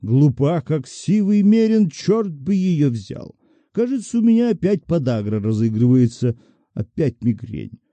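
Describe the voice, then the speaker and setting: A man's voice: a little high, sing-song, unhurried, mellow, no echo, pitched above the performer's own voice. A man voicing a nervous, worn-out bank chairman who talks languidly and moans. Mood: fretting. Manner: languid, moaning, fretful.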